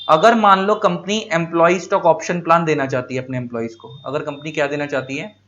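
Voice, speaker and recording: Male lecturer, somewhat high voice, questions the class and answers himself, dull lo-fi sound. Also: fairly bright tone. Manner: repeats key points, addresses students as beta. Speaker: teacher.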